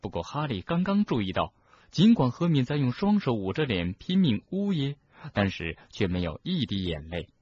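A man reading an audiobook as narrator, with expressive, lively storytelling and a husky voice. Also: medium pitch, normal speed, dull audio. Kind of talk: scripted narration.

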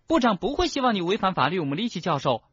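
A man voicing a frightened, clever teenage schoolgirl witch in an audiobook, with loud, shrill, pleading outbursts. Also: big pitch swings, very fast, breathy edge, dry recording, dull audio, exaggerated voice. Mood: alarmed. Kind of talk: audiobook character reading.

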